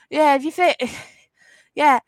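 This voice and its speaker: A high-pitched but darkish-toned woman hosts a live Q&A on YouTube, working through comments in a casual, rambling style. In her twenties, from England with an Essex accent, she sounds sniffly from a cold and answers trolls frankly and defiantly. The recording is dry.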